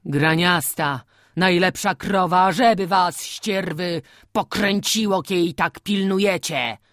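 A woman doing a gruff old farmer. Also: mid-range voice, expressive, a little slow, dry recording, studio quality, pitched above the performer's own voice, lightly acted. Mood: angry. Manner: angry scolding peasant dialect. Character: old village farmer, gruff, quick-tempered.

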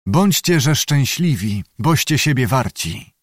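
Narrator as a solemn old prince blessing his knight, slow and measured, dry sound. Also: medium pitch, animated, no room sound. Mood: grave tender. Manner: slow, grave, benevolent. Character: old commanding prince, grave and tender.

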